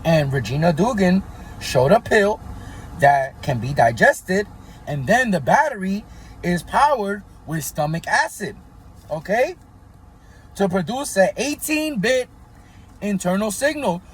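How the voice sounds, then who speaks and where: A channel host with a high-pitched, very animated voice runs a casual commentary vlog at a measured pace. His tone is conspiratorial; he keeps asking viewers "right?" and hedging with "allegedly." There's a little hiss or hum on the recording.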